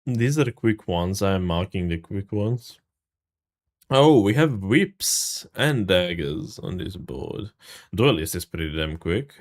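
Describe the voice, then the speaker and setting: A man's voice: low-pitched, lively intonation, takes it slowly. A man from Serbia, casually commentating a live game stream, greeting chat and swearing freely.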